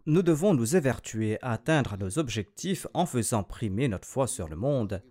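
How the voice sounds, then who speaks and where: A man reads a sermon in translation, measured and earnest. He asks rhetorical questions one after another. His pitch sits in the middle range for a man. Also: lively intonation, mellow. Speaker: sermon interpreter. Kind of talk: translated sermon, read aloud.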